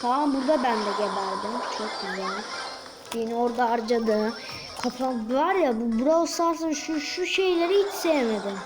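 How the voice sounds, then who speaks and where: A woman's voice: fairly high pitch, moderate pace, rough recording. A woman giving restless, frustrated play-by-play commentary while gaming, often exclaiming in exasperation. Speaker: gaming video creator. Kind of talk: live gameplay commentary. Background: game music.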